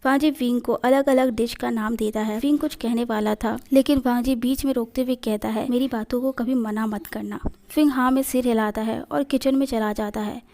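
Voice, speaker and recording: A woman reading fan fiction aloud as a storyteller in a steady voice. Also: fairly high pitch, normal speed, creaky, few pauses.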